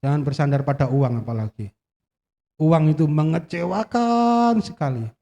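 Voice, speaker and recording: A man preaches a sermon in a church, joking with the congregation and putting questions to it. His voice sits high, and it carries a long reverb from the hall. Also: expressive, normal speed, mellow, highs cut off. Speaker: guest preacher.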